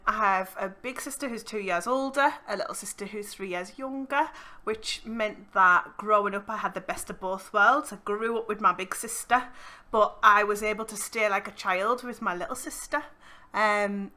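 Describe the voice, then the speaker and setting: A woman's voice: mid-range voice, bright, forceful tone. A woman hosting a podcast, talking in a casual, conversational and giggly way. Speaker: podcast host.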